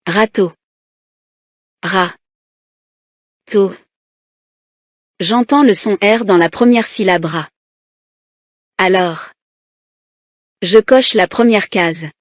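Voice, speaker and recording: A woman teacher reading a children's lesson aloud, slowly and deliberately, splitting words into syllables. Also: medium pitch, no echo, studio quality.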